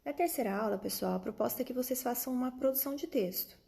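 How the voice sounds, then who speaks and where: A Brazilian primary school teacher gives an online lesson to children, explaining things step by step and often checking that they're keeping up. Her voice is a little high, fast and warm, with vocal fry. She speaks to the kids directly, using lots of checking tags and diminutives.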